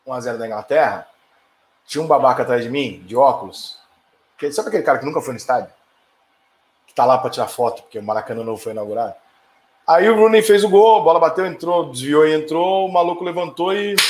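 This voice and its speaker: A middle-aged man with a Brazilian Portuguese accent hosting a live stream, reading viewer comments and answering them in a profane, heated, ranting way. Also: mid-range voice. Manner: profane, fiery, quick to anger and rant. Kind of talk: casual heated live chat. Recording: echoey room.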